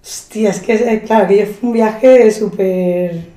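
In an unhurried, casual conversation, a podcast guest tells travel tales, adopting the voices of those she quotes and swearing freely. Her medium-pitched voice sounds mellow and warm, and the room lends it an echoing, roomy quality.

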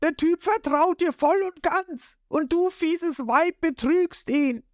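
A woman voicing a boastful, cowardly teenage boy pirate who talks in a shrill, whiny bluster. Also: steady tone, unhurried, dry recording, clean studio sound. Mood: scolding.

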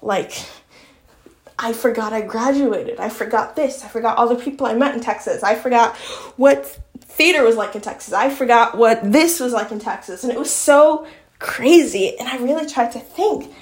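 A young woman from Long Island, New York, chats in a casual vlog, her fairly high voice moving at a normal speed. She rambles, sounds chatty, and fills her talk with lots of fillers, all recorded in an echoey room.

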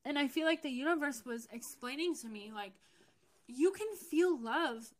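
A young American woman with a high, expressive voice tells personal stories at a normal speed. As a podcast host, she's chatty and candid, with plenty of fillers and self-corrections.

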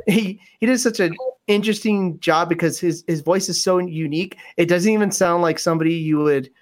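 A man chatting casually about video games, rambling with lots of fillers and restarts. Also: a little high.

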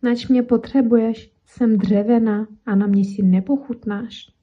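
Woman doing a begging little pencil, high pleading tone, dark husky voice, storybook reading. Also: steady tone, a little slow, muffled recording. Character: pleading wooden pencil, small and frightened.

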